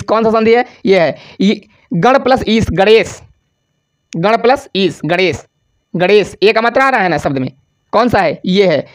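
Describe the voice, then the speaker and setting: Repetitive exam-prep grammar teacher. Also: medium pitch. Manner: asks the class a question, then answers it, repeating key words; stretches out syllables when spelling out examples. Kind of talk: exam-prep grammar lesson over slides.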